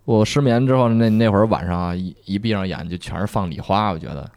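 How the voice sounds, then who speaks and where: A young man, a guest on a podcast, telling his own stories in a soft, relaxed way with many small restarts. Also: fairly low pitch, fast talker, dry recording. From China. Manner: soft-spoken, relaxed storytelling with frequent restarts. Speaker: guest, police officer. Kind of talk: casual podcast chat.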